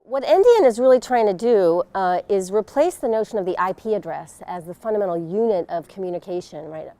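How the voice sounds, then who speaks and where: A woman's voice: mid-range voice, lively intonation, fairly quick, dark tone, dry recording. A middle-aged woman interviewed outdoors on a lapel mic, explaining a technical subject thoughtfully and with emphasis. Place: outdoors in a leafy garden.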